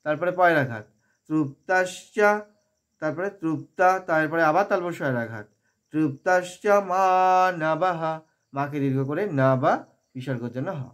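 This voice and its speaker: A man teaching verse recitation, chanting syllables in a drawn-out way and then explaining them plainly and patiently. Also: fairly high pitch. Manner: patient, repeats syllables for listeners to copy.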